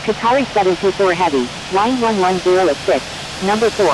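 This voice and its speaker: In a brisk, lightly acted delivery, a woman takes on the role of an air traffic controller or pilot on a flight simulator radio, keeping to clipped, formal procedural phrasing. Steady hiss and rumble are clearly audible throughout.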